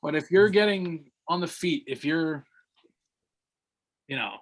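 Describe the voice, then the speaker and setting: A man's voice: fairly high pitch, animated, measured pace. A man co-hosts a combat sports podcast in loose, casual chat. He rambles, restarts his sentences and fills the gaps with fillers as he talks through fights. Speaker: podcast co-host.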